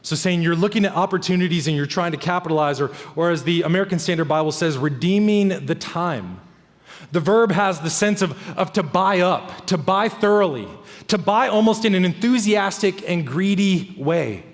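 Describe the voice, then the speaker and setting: A man's voice: high voice, moderate pace, in a large hall. A male pastor preaching a sermon in an earnest, emphatic way, repeating key phrases. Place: church sanctuary.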